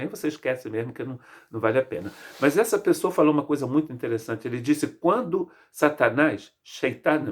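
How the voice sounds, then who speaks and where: A man's voice: medium pitch, husky. A man in his fifties from Brazil with a Brazilian Portuguese accent, preaching a sermon as pastor in an emphatic way, stacking repeated phrases. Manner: emphatic, lists phrases in rising repetition. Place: church.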